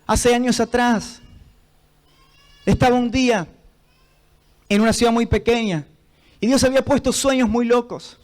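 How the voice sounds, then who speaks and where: A man with an Argentine Spanish accent, preaching a sermon in church as pastor, telling stories with fervent passion and rising to shouts. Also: extremely high pitch, rough recording.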